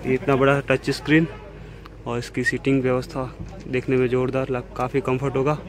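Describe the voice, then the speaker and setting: A male vlogger walks around an outdoor car expo filming on a handheld phone, giving relaxed, plain commentary. His mid-range voice moves a little fast. The noisy outdoor recording picks up crowd sounds.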